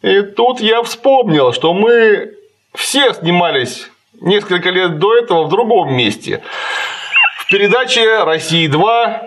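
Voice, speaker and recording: A man's voice: high-pitched, animated, a little slow, background noise. A man chatting casually while critiquing a film, sarcastic and digressive. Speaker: co-host reviewing a film.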